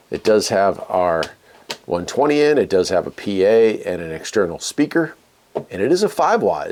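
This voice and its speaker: An American man hosts a casual unboxing and demonstration video, thinking aloud in a folksy, conversational manner. His voice sits low and sounds a little mellow.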